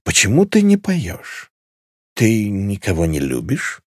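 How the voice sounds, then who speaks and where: Drunk clingy girl, shrill and slurred; a man doing the voice, dry close read. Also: wildly swooping pitch, takes it slowly, a little mellow, no echo, heavily acted. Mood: tipsy, clingy. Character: drunk, clingy young woman at a feast.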